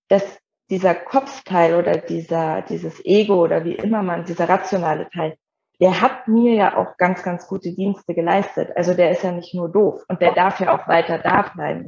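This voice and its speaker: A woman shares her own story in a soft, reflective way, stopping now and then to find the right words. Her voice has a steady, gravelly fry running through it. The recording sounds somewhat muffled and lo-fi. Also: lowish voice. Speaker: guest. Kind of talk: personal storytelling in a podcast conversation.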